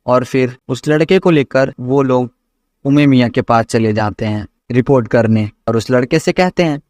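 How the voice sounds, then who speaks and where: Male recap narrator, mid-pitched, steady storytelling, dry close recording. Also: moderate pace, no room sound. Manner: plain storytelling, reads out characters' lines with a raised voice. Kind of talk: retelling an anime episode.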